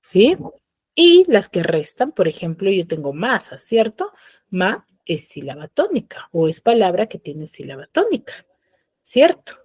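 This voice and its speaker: A woman's voice: medium pitch, sing-song, a little slow, a little mellow, breathy edge, no room sound, rough recording. A woman teacher, lecturing in an online class, explaining patiently, repeating key terms and checking that the students follow. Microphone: computer mic on a video call.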